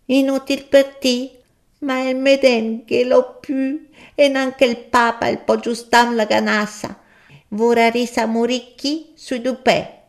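A man's voice: extremely high pitch, fairly even intonation, slow pace, creaky, pitched above the performer's own voice, full character voice. A man reading a story, voicing an indignant older countrywoman who complains in Lombard dialect. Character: peevish older countrywoman Martina, grumbling.

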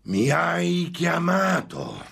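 A man voicing a gloating, impatient male demon who tempts a monk, drawing out his words slowly and menacingly. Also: on the low side, expressive, pitched above the performer's own voice. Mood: taunting. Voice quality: slow, drawn-out menacing delivery.

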